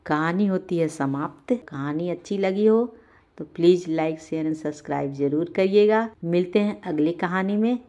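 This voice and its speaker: A woman storyteller narrating a bedtime story in a calm, even manner. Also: on the low side, slow pace.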